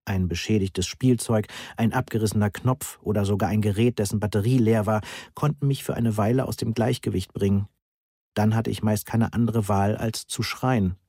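Dark, husky-voiced male audiobook narrator. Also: on the low side, steady tone, moderate pace, no room sound, clean studio sound. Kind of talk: first-person novel reading.

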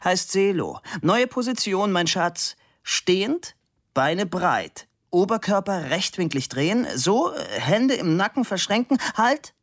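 A man reading aloud, voicing a brusque, sharp-tongued woman sculptor who barks orders at her model. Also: high-pitched, big pitch swings, takes it slowly, dry recording, studio quality, pitched above the performer's own voice, exaggerated voice. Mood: commanding. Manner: commanding, barking orders.

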